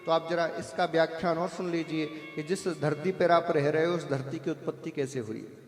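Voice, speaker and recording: A man giving a devotional discourse to an audience, asking questions and answering them himself, with drawn-out chants of Om between his explanations. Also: on the high side, roomy sound, in a large hall, soft background music. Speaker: spiritual preacher.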